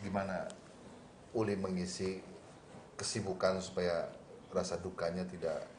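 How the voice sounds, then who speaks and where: Very deep-voiced male talk show host. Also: little pitch movement, darkish tone. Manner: measured, musing commentary. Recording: echoey room with noise.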